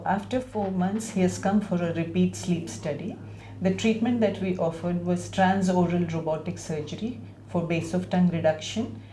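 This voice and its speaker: A woman's voice: on the low side, mellow, slight background noise. A woman doctor explaining a patient's treatment to camera in a clinical, explanatory way. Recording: echoey room.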